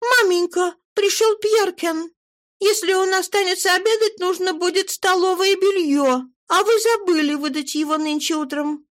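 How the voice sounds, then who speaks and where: A woman reader voicing a young daughter who rushes in to tell her mother something, speaking breathlessly and urgently. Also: extremely high pitch, voice pushed up. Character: young daughter, eager and dutiful.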